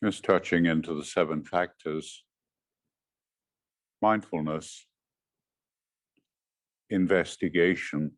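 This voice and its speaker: Short, measured phrases come from a male meditation teacher whose low voice keeps a steady tone. He moves very slowly and gently, giving room between instructions, and the recording is dry without any room sound.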